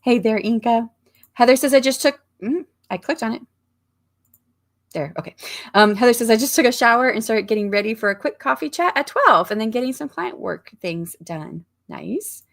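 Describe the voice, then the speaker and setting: A woman's voice: on the high side, lively intonation, moderate pace, gravelly. A woman hosting a focus livestream, reading viewers' comments aloud and chatting casually with plenty of ums and restarts. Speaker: livestream host reading chat. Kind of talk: casual chat.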